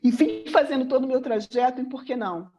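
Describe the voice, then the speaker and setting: A woman's voice: high voice, fast talker, mellow, soft background music. Earnest Brazilian woman giving a seminar talk. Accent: Brazilian Portuguese. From Rio de Janeiro, Brazil. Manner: earnest, returns again and again to one rhetorical question. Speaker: mentor and therapist. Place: room before a live audience.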